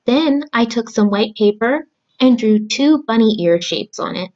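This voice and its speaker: A young adult woman speaking to children in simple, deliberate phrases, as a storyteller and craft host. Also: a little high, lively intonation, a little mellow, dull audio. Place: small room at home, indoors.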